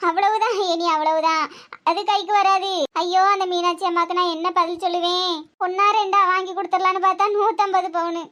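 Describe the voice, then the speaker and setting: For a comedy cartoon, a woman gives voice to a middle-aged wife and mother who scolds with anguish, shrill and wailing, in a Tirunelveli Tamil accent. Her intonation stays fairly even while she speaks fairly quickly in a bright, forceful tone.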